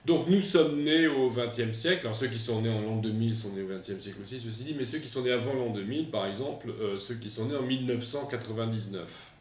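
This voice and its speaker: A man in his fifties teaching an English lesson to pupils over a remote class, pausing often with fillers and having them repeat after him. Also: mid-range voice, recorded from a distance, highs cut off, a little hiss or hum. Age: 50s. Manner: hesitant, repeats words for pupils to echo.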